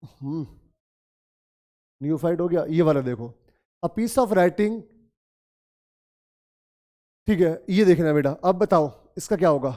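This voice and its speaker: A man's voice: a little high, expressive, slow pace, long pauses, warm tone. A middle-aged man with a Hindi accent teaching an English vocabulary lesson. He calls his students children and repeats key words several times. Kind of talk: classroom lesson explaining vocabulary.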